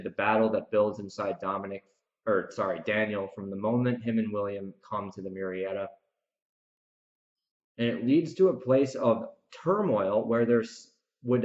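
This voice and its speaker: This man, a podcast host and author, delivers a reflective solo recap with a ranting streak, speaking with emphasis and repeating himself to drive points home. His fairly low voice has a slightly mellow quality. The sound is reverberant and dull.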